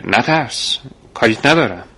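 A man voicing a calm, secretive grown man who speaks in a reassuring, confiding way. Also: mid-range voice, breathy edge, heavily acted. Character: calm secretive middle-aged man recruiting a boy.

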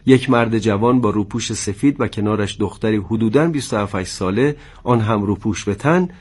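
A man's voice: on the low side, darkish tone, husky. Man narrating a tense story.

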